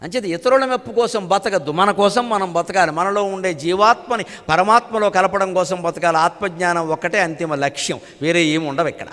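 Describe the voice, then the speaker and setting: Older guy preaching, high voice, chants verses slow then chats about them, big echoey hall. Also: a bit bright. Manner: chants Telugu verses slowly, then explains in conversational asides. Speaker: spiritual lecturer. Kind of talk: religious discourse with chanted verses. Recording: long hall reverb.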